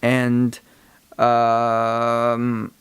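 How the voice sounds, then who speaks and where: A man giving a casual how-to lesson, explaining things in a halting, rambling way. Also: medium pitch, monotone, clear, resonant tone, dry recording. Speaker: tutorial presenter. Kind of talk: casual instructional talk.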